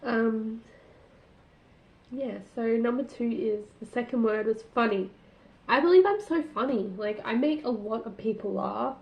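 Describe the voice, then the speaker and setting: A fairly high-voiced woman chats on her own podcast, peppering her talk with "like" and small laughs. She speaks into a tablet's built-in mic, so the sound is roomy and somewhat dull. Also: a little slow, vocal fry. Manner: chatty, many "like" fillers, laughs at herself. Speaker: podcast host. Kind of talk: casual solo podcast chat.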